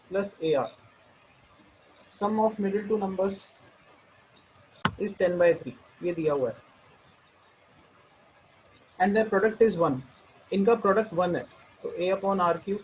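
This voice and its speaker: A man with an Indian accent teaching a math lesson, working through the steps one at a time and slowing down to read each equation aloud. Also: high voice, a little hiss or hum, low-quality recording. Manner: explains step by step, mixing Hindi and English; slows down when reading out equations. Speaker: math tutor.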